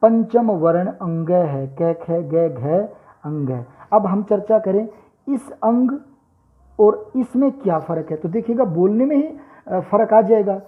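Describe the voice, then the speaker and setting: A man's voice: high-pitched, animated, a little slow. A man teaching Hindi handwriting and letter pronunciation, patiently explaining and sounding out letters one by one. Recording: tinny phone-like audio.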